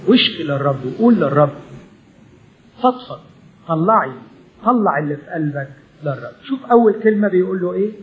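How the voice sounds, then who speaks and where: A man preaching a sermon in an Egyptian Arabic accent, voicing heartfelt prayer in the first person and sinking to a hush. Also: fairly high pitch, breathy edge, dull audio. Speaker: pastor.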